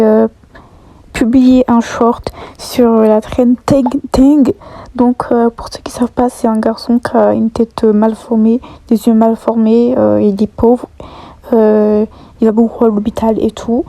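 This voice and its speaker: Hesitant young woman, flat mellow voice. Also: fairly high pitch, rough recording. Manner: hesitant, many fillers, often half-whispered. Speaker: YouTuber telling online drama. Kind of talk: casual storytime vlog.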